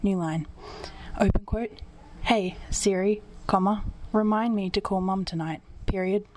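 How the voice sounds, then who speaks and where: A woman's voice: medium pitch, background noise. A woman reading an article aloud as dictation, carefully speaking each punctuation mark and line break. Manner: speaks punctuation marks aloud, even and deliberate.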